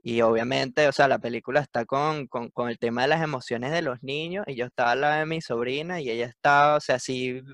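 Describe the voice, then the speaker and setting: A man's voice: mid-range voice, brisk, few pauses, fairly bright tone, dry recording. A Venezuelan man in a casual chat, retelling moments with open emotion.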